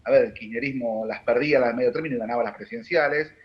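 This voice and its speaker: A man with a Rioplatense Argentine accent, a political analyst giving measured, analytical answers on a panel, with frequent fillers and restarts. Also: mid-range voice, lo-fi sound. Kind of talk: broadcast panel discussion.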